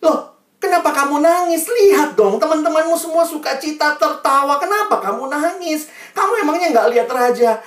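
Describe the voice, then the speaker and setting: A preacher voicing a worried schoolteacher who keeps gently questioning a crying pupil, in a roomy recording picked up from a distance. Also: high-pitched, animated, moderate pace, voice pushed up. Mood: concerned. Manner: pressing, repeated questions.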